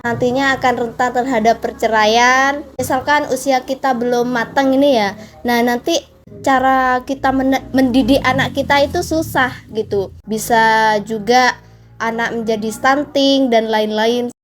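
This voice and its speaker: A woman's voice: fairly high pitch, steady tone, moderate pace. A woman interviewed as a villager, explaining her opinion in a reflective, explanatory way.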